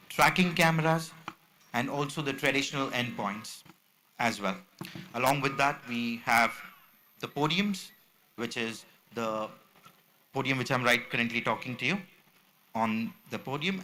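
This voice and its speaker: At a symposium podium, a man representing a company presents products with slides, explaining them in a salesman-like way. His mid-range voice has a sharp tone, and the rough recording picks up background noise from the live event room.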